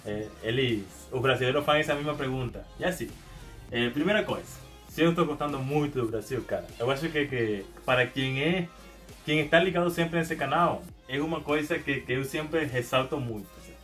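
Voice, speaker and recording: Young Venezuelan vlogger, Spanish accent, mid-pitched, halting and gesturing, camera a few feet off, faint music under. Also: male voice. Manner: hesitant, many restarts and repeated words; animated hand gestures. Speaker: YouTuber. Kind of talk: casual vlog to camera. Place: small indoor room at home.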